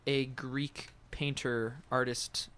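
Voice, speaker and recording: A man's voice: medium pitch, little pitch movement, slow, a bit bright, smooth. Rambling young-sounding male band guest. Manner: rambling, hesitant, many ums and restarts. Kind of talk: casual radio interview chat. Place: radio studio.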